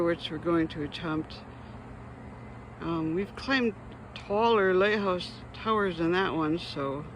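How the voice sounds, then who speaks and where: Higher-voiced man in his fifties vlogging. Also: a bit bright, slight background noise, poor audio. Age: 50s. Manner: chatty, plain-spoken, with frequent ums and restarts. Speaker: travel vlogger. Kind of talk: casual travel vlog narration. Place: outdoors at a lighthouse.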